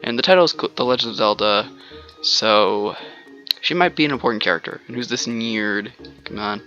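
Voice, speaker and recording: A man with a bright, forceful voice rambles through casual gameplay commentary with offhand jokes. He was raised in the American South, and faint game music plays underneath him. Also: fairly low pitch, animated, moderate pace, dull audio. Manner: rambling, joking asides. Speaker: let's player.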